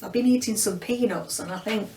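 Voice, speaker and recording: A woman's voice: medium pitch, brisk, mellow. A woman with a Yorkshire accent chatting rambly about books in a casual vlog wrap-up, with lots of filler words. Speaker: book vlogger. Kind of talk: casual monthly book wrap-up. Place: home room with bookshelves behind her. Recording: roomy, distant mic, faint background hiss.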